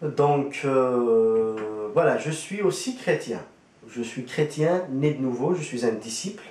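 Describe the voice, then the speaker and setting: A Kabyle-speaking man from Algeria offers informal testimony, stumbling through fillers and false starts. His mid-range voice is animated yet measured in pace, with a slightly mellow quality, and it sounds distant in an echoing room.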